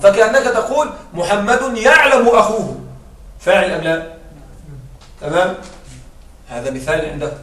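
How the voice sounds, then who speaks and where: A man teaching an Arabic grammar lesson who explains step by step, repeats his examples and keeps checking with quick rhetorical questions. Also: high-pitched, a bit bright, roomy sound, far from the mic.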